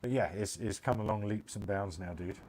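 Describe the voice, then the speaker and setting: This British game streamer talks fairly quickly in a lowish, slightly mellow voice, with a little hiss or hum in the audio. He rambles informally, thinking aloud as he plays.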